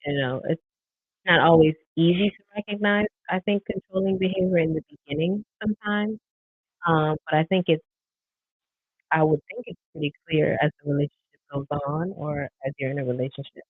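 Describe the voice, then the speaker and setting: A woman co-hosts a casual live podcast, thinking out loud with plenty of "you know" fillers. Her voice comes through thin and tinny like a phone line. There is no room echo at all. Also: low voice, brisk, slightly rough. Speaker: podcast co-host. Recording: tinny phone-like dry sound.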